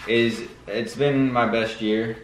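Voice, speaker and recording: A man's voice: mid-range voice, fairly even intonation, takes it slowly. A teenage boy chatting casually and teasing his sister during a family question session. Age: teens. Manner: teasing, joking. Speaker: son answering questions. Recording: echoey room with faint noise.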